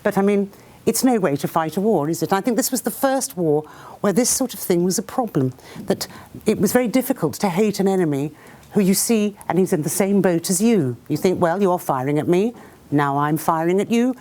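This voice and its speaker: A woman author who reads her book aloud to a live audience, then talks to them about it as a lively storyteller who acts out sounds and voices. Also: medium pitch, brisk. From Britain. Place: talk before a live audience.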